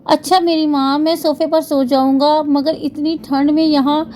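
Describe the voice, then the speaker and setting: A woman's voice: high voice, level tone, warm tone, slight background noise, close to an everyday voice. A woman reading the lines of an exasperated 33-year-old husband who pleads in a helpless tone. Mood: pleading. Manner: helpless, coaxing tone. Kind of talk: novel reading.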